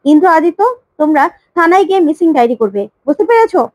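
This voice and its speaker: A woman's voice: high-pitched, very animated, rapid-fire, darkish tone, no echo. A woman voicing a furious, imperious middle-aged queen who scolds and demands, while retelling a serial plot. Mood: angry.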